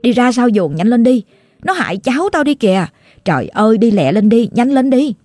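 A frantic old mother's ghost pleads in a raised, urgent voice with a Southern Vietnamese accent, as a woman narrator puts her on. The tone is dark and mellow, and the recording is dry and close. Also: on the high side, big pitch swings, brisk, no room sound, voice pushed up.

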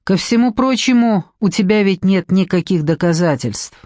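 A woman's voice: medium pitch, animated, normal speed, warm tone, no echo, close to an everyday voice. A cowardly, violent boss snarls his threats, played by a woman reading an audiobook. The voice sits mid-range and sounds dry and close. He comes across as menacing and scornful.

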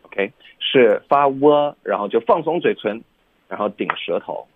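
A man's voice: mid-range voice, expressive, a little slow, dry recording, phone-quality sound. A man co-hosting a radio English lesson, explaining pronunciation step by step and often checking with "OK?". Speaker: English teacher co-host.

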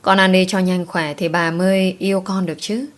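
A woman voicing a young widowed father in an audiobook, speaking softly, apologetic and soothing. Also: on the low side, flat delivery, moderate pace, lightly acted. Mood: tender.

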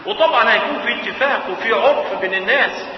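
Egyptian male professor, high voice, rhetorical questions to students, recorded from far off in a booming hall. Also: quick pace. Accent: Egyptian Arabic. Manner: asks rhetorical questions and answers them himself. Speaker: Islamic jurisprudence professor. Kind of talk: colloquial classroom lecture. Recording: echoey hall, far mic, dull, hiss.

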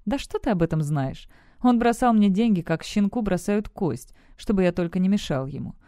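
A cynical, scheming young man in an audiobook, as a woman reads his part. He talks in a smug, brusque way. The voice is dark and smooth, and the recording is dry and close. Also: mid-range voice, animated, moderate pace, dry recording, lightly acted. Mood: bitter.

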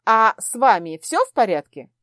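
A woman's voice: on the high side, very animated, moderate pace, fairly bright tone, dry recording, clean studio sound. A woman reading aloud, voicing a cold, arrogant prince who speaks curtly and venomously. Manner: venomous, curt.

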